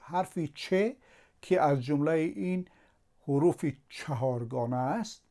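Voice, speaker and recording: A man teaches a slow spelling lesson. He sounds out letters one at a time, patient and methodical, building each syllable step by step and repeating the same patterns. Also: fairly high pitch, warm tone.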